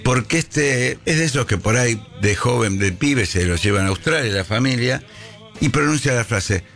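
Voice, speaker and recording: A man with an Argentine accent, hosting a casual chat and telling stories in a chatty, animated way. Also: mid-range voice, normal speed, soft background music. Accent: Argentine Spanish. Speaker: host.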